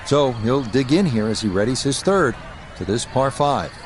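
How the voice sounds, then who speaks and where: A man voicing a measured golf commentator for a video game broadcast. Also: mid-range voice, lively intonation, a little hiss or hum, close to an everyday voice. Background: music and outdoor crowd.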